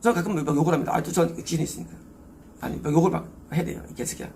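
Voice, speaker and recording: Man, pastor, sermon, high voice, gravelly edge, emphatic rhetorical questions. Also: very fast, a little mellow, a little hiss or hum. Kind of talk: expository sermon.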